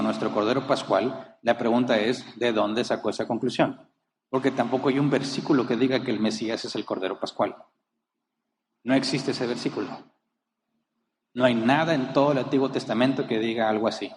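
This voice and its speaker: A pastor preaching with force and intensity, a man of medium pitch who stresses key words and keeps asking his congregation rhetorical questions. His voice echoes through a church hall with a long reverb, and faint background noise sits under it. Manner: emphatic preaching that rises and falls, with rhetorical questions. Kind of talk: sermon.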